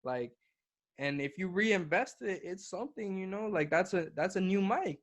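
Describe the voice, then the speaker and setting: A man's voice: high-pitched, animated, moderate pace. A young man from Guatemala, a hip-hop artist, talking casually as a podcast guest, swearing freely and calling the host bro. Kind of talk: casual interview chat.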